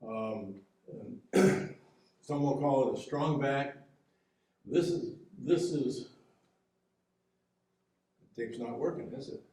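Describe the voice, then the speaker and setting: A man walks an audience through boat-building slides, explaining each step patiently with frequent restarts. His voice is mellow and relaxed. He sounds set back from the microphone in a boomy, echoing room. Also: recorded from a distance. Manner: explanatory, halting with fillers and restarts. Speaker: local history talk presenter, boat builder. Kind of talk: public history lecture with slides. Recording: echoey room, heard from afar.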